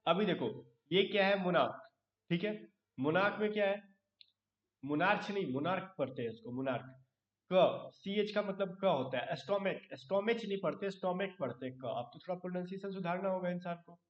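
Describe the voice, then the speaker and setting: A man teaching an online English grammar class, asking his students question after question and adding joking asides. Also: high voice. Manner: explains with repeated questions to students. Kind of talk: online live class lecture. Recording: roomy, distant, dull sound.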